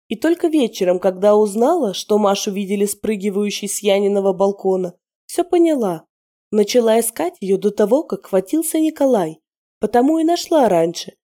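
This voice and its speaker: A woman voicing a scheming, spiteful middle-aged female werewolf with a sneering, taunting manner that turns shrill under pressure, in a storybook reading. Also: warm tone, natural voice.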